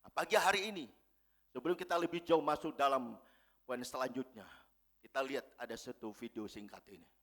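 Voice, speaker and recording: A man pastor preaching a sermon in church, swinging from loud emphatic lines to hushed, whispery endings. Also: mid-range voice, a little fast.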